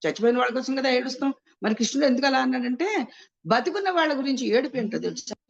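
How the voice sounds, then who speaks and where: Quick-paced and creaky, with a high voice and lively intonation, a woman teaching spirituality interprets scripture, mixing in English words and raising rhetorical questions she then answers. Her audio is muffled and lo-fi.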